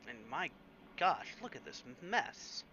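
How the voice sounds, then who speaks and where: In a slow, rambling let's play commentary packed with little fillers, a man sounds very animated, his bright, slightly high voice bouncing up and down with some vocal fry. The recording is a bit dull, with a faint hum underneath.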